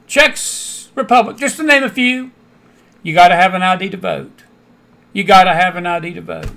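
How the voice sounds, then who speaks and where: A man's voice: sits high, fairly bright tone. An American man hosting a political commentary show, emphatic and prone to repeating his phrases for stress. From United States. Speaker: host; Bible teacher.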